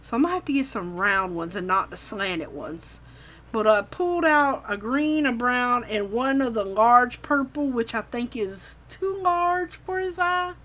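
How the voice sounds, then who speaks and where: A woman's voice: a little high, lively intonation, a little slow, fairly bright tone. A woman giving a casual, folksy craft demonstration, chatting to herself as she works, with machine noise behind her. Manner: folksy, informal, talks to herself while working. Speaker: craft tutorial host. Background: running machine, vacuum pump.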